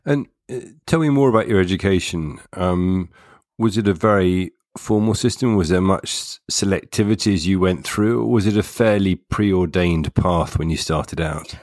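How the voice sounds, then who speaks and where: A man's voice: deep voice, moderate pace, a little mellow, no room sound, studio quality. A man interviewing a guest, asking short probing questions.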